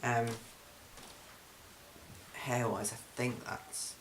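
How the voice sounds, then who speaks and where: A young English vlogger talks very slowly through a casual video diary update, recorded indoors in his flat against a noisy background. His mid-range voice shows little pitch movement, and he often says "um" and restarts.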